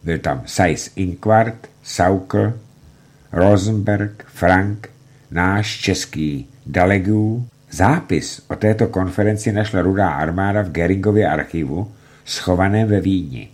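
A man narrating a documentary in a dramatic, declamatory way, acting out quoted documents with strong swings of pitch. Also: darkish tone.

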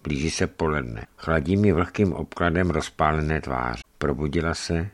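A man narrating a travel memoir aloud in a measured, dramatic storytelling manner. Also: rumbling low.

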